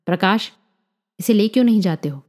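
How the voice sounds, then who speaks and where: A woman's voice: mid-range voice, normal speed, dark tone, close to an everyday voice. A woman voicing a stern, scolding father. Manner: scolding, commanding. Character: stern, impatient middle-aged father.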